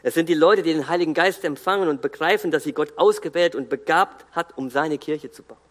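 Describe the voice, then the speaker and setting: A man giving an earnest, emphatic sermon, pausing and restarting as he speaks. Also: a little high, in a large hall. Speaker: guest preacher.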